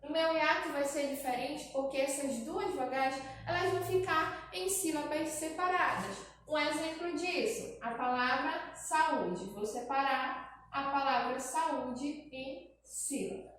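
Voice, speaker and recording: Woman, teacher, high voice, unhurried, very echoey room, distant from the mic. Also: fairly bright tone, a little hiss or hum. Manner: slow, repeats key points, checks with "tá?". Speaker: primary school teacher. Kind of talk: recorded grammar lesson.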